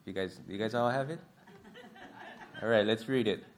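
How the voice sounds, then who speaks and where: A man's voice: fairly low pitch, normal speed. A man from Hawaii with a Hawaiian Pidgin-influenced accent, giving a church lesson in an earnest, slightly nervous way with many fillers. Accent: Hawaiian Pidgin-influenced English.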